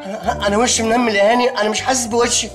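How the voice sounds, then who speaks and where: A man's voice: extremely high pitch, level tone, very fast, over music. A panicking, stoned young man. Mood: panicked. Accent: Egyptian Arabic. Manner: whiny, gasping, panicky. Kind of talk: sitcom acting.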